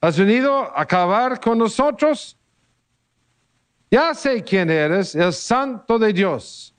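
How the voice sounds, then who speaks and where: A hostile, frightened unclean spirit crying out from a possessed man, as a preacher reads him aloud. The voice sits high and moves slowly, each word stretched out. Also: animated, smooth. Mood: defiant. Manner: raised pitch, slow and drawn out.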